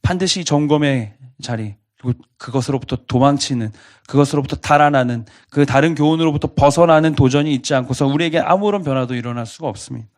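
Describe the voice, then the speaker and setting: Man, pastor, preaching a sermon; earnest and questioning, medium pitch. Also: fast talker, few pauses, darkish tone. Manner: earnest, asks the congregation repeated questions.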